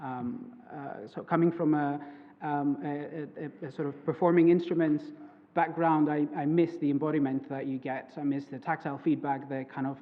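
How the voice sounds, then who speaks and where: A young Greek man, a PhD student, presents his research at an academic conference, hesitating often with fillers and restarts. His voice is fairly high for a man, with a level tone and normal speed. The audio sounds thin and phone-like, and a long reverb trails off the lecture hall walls.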